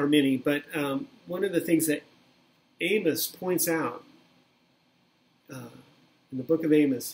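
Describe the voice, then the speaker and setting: A man in his fifties preaching a sermon by webcam from a small room, in an earnest, measured way that repeats key phrases. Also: on the high side, poor audio. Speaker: pastor. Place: small plain room indoors. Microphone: webcam at desk, video recording.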